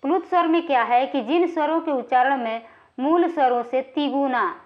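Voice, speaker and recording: A woman with a high voice gives an exam-prep grammar lecture, working through quiz questions one by one. She explains patiently and often pauses to check that her students are following. The recording sounds a little dull and lo-fi. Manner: explanatory, frequently checks in with "ठीक है" and draws vowels out when naming sounds. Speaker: Hindi grammar teacher.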